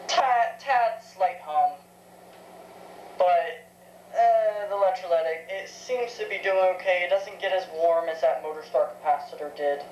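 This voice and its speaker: Her voice is lowish and a bit dark, unhurried as this seventeen-year-old talks through a tape recorder demonstration without a script. She's hesitant and thinks aloud in a casual way. The recording is muffled, with roomy echo and a little background noise.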